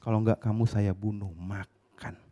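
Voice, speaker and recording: A man's voice: fairly even intonation, moderate pace, warm tone, lightly acted. A preacher doing a menacing, enraged father. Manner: low, menacing commands. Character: enraged violent father, middle-aged man.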